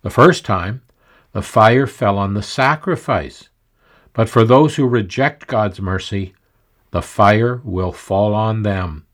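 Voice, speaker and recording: A man teaching the Bible in a scripted devotional talk, reading scripture with deliberate emphasis. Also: fairly low pitch.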